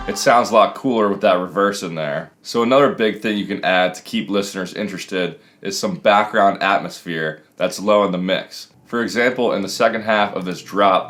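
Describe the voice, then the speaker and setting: Low-voiced man giving a casual tutorial. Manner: casual, explanatory. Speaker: music production tutor. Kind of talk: casual screen-recorded tutorial narration. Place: small home room.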